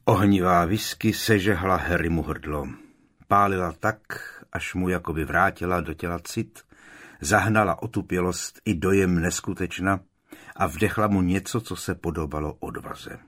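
A man narrating an audiobook in a measured, solemn reading. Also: sits low, a bit bright. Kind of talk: scripted narration.

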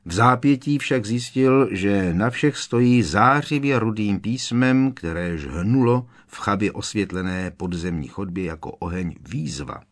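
A man narrating a children's fantasy audiobook in an expressive storytelling manner, switching voices for the characters. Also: lowish voice, hardly any pauses. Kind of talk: scripted narration.

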